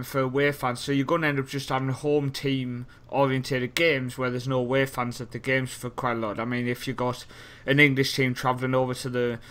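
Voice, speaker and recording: A man's voice: mid-range voice, fairly bright tone. Joking, rambling young European man. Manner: joking, rambling, laughs often. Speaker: podcast co-host. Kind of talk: casual podcast chat.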